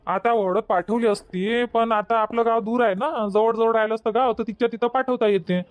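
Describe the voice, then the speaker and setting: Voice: mid-range voice, steady tone, normal speed, dry recording, lightly acted. A performer voicing a young village man in a cartoon, offhand and excuse-making, with a Varhadi Marathi accent. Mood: defensive. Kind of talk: cartoon comedy voice acting.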